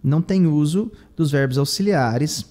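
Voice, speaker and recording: A man's voice: a little high, measured pace, dark tone. A man with a Brazilian Portuguese accent teaching English, translating phrases line by line and repeating words for emphasis. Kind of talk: bilingual lesson explaining English.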